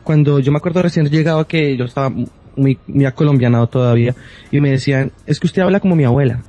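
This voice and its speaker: A man's voice: medium pitch, fast, mellow. A man from Colombia with a Colombian accent, rambling and correcting himself as he explains things in a casual podcast chat. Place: Madrid.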